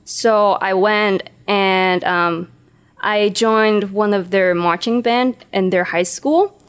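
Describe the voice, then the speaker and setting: Woman, smooth clear voice, reflective, hesitant storytelling. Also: medium pitch, takes it slowly. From Hong Kong. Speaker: podcast co-host. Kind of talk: casual podcast storytelling.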